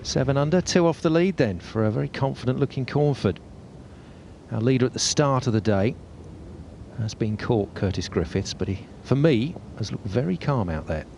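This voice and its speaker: A man's voice: medium pitch, lively intonation, normal speed, gravelly, a little mellow, slight background noise. A man working as a golf commentator, describing tournament play as it happens.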